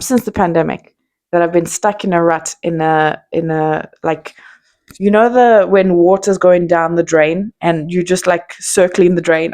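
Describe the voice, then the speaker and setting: Speaking in a low, creaky, slightly mellow voice, this vlogger is a thirtysomething woman with a South African accent. She reflects openly to the camera without a script, often saying um and starting over.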